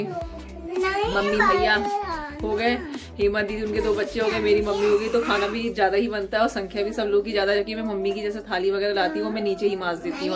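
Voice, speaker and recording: Chatty young woman with a cold. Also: mid-range voice. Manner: chatty, running commentary on chores. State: hoarse with a cold. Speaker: family vlogger. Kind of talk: casual home vlog narration.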